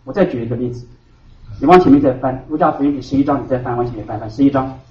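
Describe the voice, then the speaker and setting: A man preaching a sermon to his congregation as their pastor. He hammers key words loudly, then drops to hushed asides. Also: mid-range voice, rapid-fire. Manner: emphatic preaching, swinging between loud stresses and hushed asides. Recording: roomy hall from a distant, dull mic.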